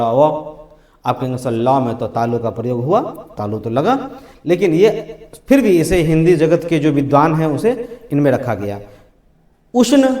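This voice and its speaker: A male grammar teacher giving a classroom lecture in a slightly high voice. He asks questions and answers them himself, repeating key words. The room rings with echo. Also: a little mellow. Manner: voices students' objections.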